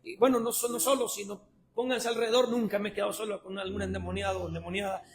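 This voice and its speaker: High-pitched preacher shouting a sermon. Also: male voice, flat delivery, fast talker. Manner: swings between shouted passionate preaching and low conversational asides.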